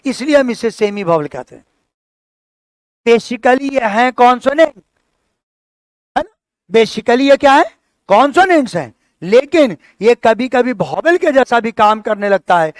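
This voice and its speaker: A man with a very high, smooth voice teaching a class. He explains each point patiently and keeps checking with his students. The sound is dry and close. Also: dry recording. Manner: explanatory, asks students questions. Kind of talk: classroom lecture.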